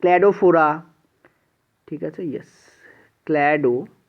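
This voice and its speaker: Teaching science for exam preparation, this Bengali-accented man keeps asking "ঠিক আছে" to see if students follow, and he drops English words into his speech. He speaks at a normal pace in a fairly high male voice, over thin, phone-like audio.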